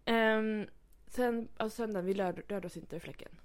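Chatty young woman telling stories. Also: medium pitch. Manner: chatty storytelling, acts out quotes, many fillers. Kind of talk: casual chat.

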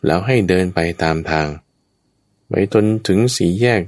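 Low-voiced man telling a scripture tale. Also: unhurried, dry recording, clean studio sound. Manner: addresses listeners directly, chatty asides. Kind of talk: storytelling Dhamma talk.

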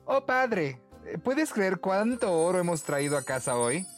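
A man's voice: medium pitch, expressive, normal speed, a little mellow, faint music behind, pitched above the performer's own voice, lightly acted. A man voicing a clever, sly young peasant woman in a bedtime story, speaking sweetly and teasingly. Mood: loud, theatrical. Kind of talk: storybook character voice.

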